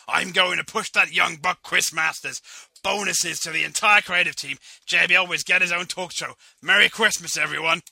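A man's voice: high voice, moderate pace, vocal fry, pushed and bright, no room sound, heavily acted. A man voicing a blustering middle-aged wrestling boss who barks orders and proclamations, in a comedy podcast reading. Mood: jubilant. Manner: barking orders.

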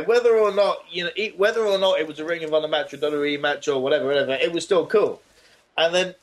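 A man in casual podcast chat, with a voice pitched a little above most men's. He rambles and jokes, often restarting his sentences. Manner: rambling, jokey, halting restarts. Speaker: podcast co-host.

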